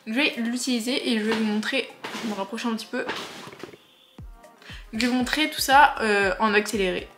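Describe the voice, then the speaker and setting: A young beauty vlogger chats through a casual makeup tutorial, full of joking asides and fillers. Her voice is on the high side and fairly quick, recorded in an echoey room with faint music.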